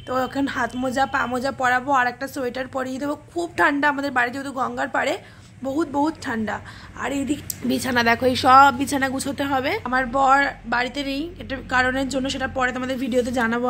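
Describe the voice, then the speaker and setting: Chatty high-voiced young mother vlogging. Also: slight background noise. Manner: chatty, addresses viewers directly; drops to a hushed voice while baby sleeps. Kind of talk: casual home vlog chat. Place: family home by a river.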